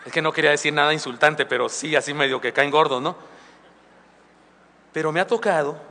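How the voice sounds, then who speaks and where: Male pastor, bright voice pitched a bit high, chatty sermon, church with long reverb. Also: brisk, slight background noise. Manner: conversational preaching, with asides and humor. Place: church sanctuary. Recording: live church recording with long hall reverb.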